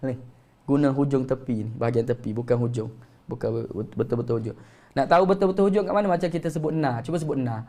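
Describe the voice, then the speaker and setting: A man with a Malaysian Malay accent teaching tajwid in a live-streamed lesson, patiently correcting and slowly demonstrating recitation. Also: medium pitch, warm tone.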